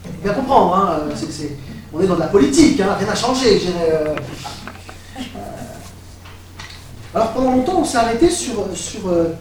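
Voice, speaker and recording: A man preaching a sermon, animated and building to excited exclamations. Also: high voice, moderate pace, pauses often, a little hiss or hum. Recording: echoey hall, voice from far off.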